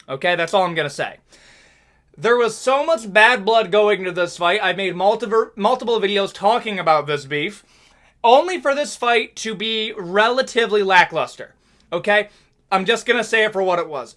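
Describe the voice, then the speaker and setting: A young man giving a casual, joking fight recap, animated and frequently tagging lines with "okay?" and "bro.". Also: sits high. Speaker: MMA commentary YouTuber.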